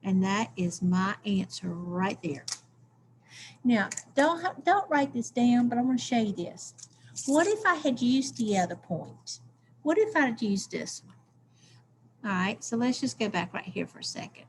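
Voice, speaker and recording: Slow, patient woman teaching math. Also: on the high side, animated, a little hiss or hum. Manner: talks through steps aloud, checks in with "okay?". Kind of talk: recorded math lesson.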